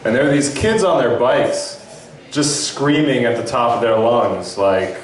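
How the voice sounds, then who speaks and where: A young man doing a stand-up set with a laid-back, halting delivery full of fillers. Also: mid-range voice. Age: young adult. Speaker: stand-up comic. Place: club stage. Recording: echoey room from far off.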